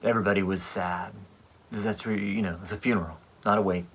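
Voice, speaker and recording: A composer telling a personal story in a rambling, halting way, full of fillers. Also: male voice, low-pitched, steady tone, fairly bright tone, a little hiss or hum. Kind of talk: casual storytelling monologue. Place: home livestream at a piano.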